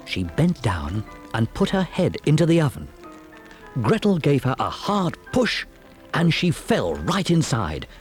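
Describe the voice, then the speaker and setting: A man narrating a children's fairy tale on a storybook cassette with an expressive, dramatic delivery. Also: fairly high pitch, unhurried, faint music behind.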